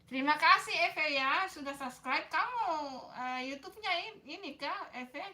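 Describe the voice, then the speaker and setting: A woman's voice: high voice, expressive, a little slow, pushed and bright. A woman hosting a casual livestream, chatting with viewers, greeting them by name and apologizing often. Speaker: livestream host.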